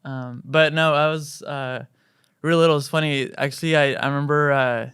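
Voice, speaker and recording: A man in his thirties from Chile whose first language is Spanish, a worship director telling his story in a podcast interview in a relaxed, halting way with many fillers. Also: on the high side, clean tone, dry recording, studio quality. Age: 30s.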